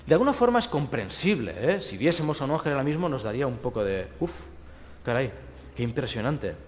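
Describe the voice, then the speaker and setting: Male pastor with a Spain Spanish accent, lively rhetorical sermon, higher-pitched voice, long hall reverb. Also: fast talker, slight background noise. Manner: lively preaching with rhetorical questions, dropping to a soft hush for quoted comfort.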